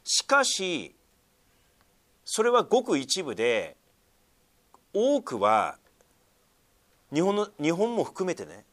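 A pastor preaches a sermon to his congregation at a slow pace, pausing often. His pitch and loudness swing in lively fashion, he uses many fillers, and he sometimes calls on listeners directly with questions.

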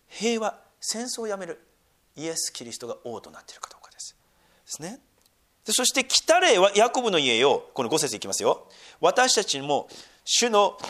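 Animated Japanese pastor, wide-ranging pitch. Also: male voice. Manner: animated, swings from soft near-whispers to loud emphatic lines; slow, drawn-out scripture reading. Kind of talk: sermon.

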